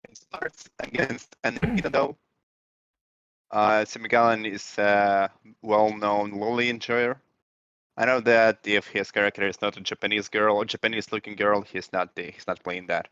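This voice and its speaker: A man's voice: lowish voice, level tone, normal speed, a bit bright, smooth, no echo, highs cut off. A man from Ukraine commentating a fighting-game tournament with teasing, joking banter. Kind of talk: casual esports commentary.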